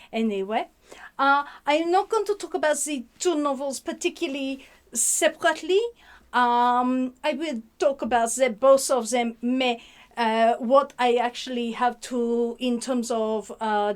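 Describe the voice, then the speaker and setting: A woman hosting a casual book review vlog, slipping words into her talk and pausing often on fillers. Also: high-pitched. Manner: sprinkles French words, halting with many fillers.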